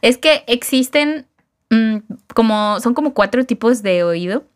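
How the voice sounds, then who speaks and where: A woman with a Mexican Spanish accent talks through musical ideas in a relaxed podcast chat. She explains patiently, leans on fillers, and laughs easily. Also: on the high side, measured pace, smooth.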